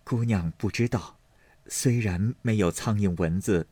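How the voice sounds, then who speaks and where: A man voicing a meek, careful young maid in a storybook reading, speaking softly. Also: lowish voice, unhurried, husky, no room sound. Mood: hushed. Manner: hushed, soft-spoken.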